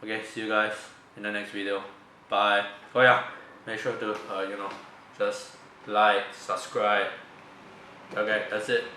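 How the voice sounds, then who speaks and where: A man's voice: on the low side, flat delivery, a little slow, sharp tone. A man with a sick voice chatting loosely through his photo edits in a rambling tutorial vlog. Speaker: photo editing vlogger. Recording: echoey room with background noise.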